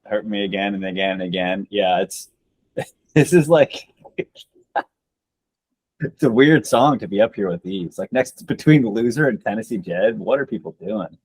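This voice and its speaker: A man's voice: on the low side, expressive, measured pace, pauses often, a little mellow, breathy edge. A man chatting casually about songs, giving blunt, joking opinions. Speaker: co-host ranking songs. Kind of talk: casual chat.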